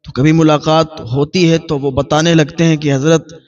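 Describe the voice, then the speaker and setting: A man's voice: fairly high pitch, flat delivery, darkish tone. A male preacher telling a story in a sermon, with a repetitive, listing cadence. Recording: dull lo-fi recording.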